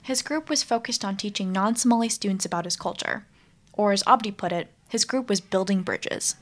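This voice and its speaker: A woman narrating a student news report in a clear, measured scripted delivery. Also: mid-range voice.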